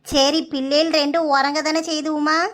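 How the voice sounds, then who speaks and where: In a comic cartoon, a woman plays a chattering village mother with a Kanyakumari accent, her voice pitched very high and sing-song. She fusses and gives orders in a quick, homely way. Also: flat delivery, a bit bright. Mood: chatty. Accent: Kanyakumari Tamil. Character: fussy older village mother, doting and bossy. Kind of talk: cartoon comedy voice acting.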